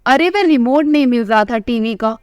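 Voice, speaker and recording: A fond, teasing old husband in his sixties coaxing his wife in a storybook tale, as a woman reader puts him on. The voice sits high and reads smooth and clear. The recording is close and dry. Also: expressive, moderate pace, dry recording, lightly acted. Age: 60s.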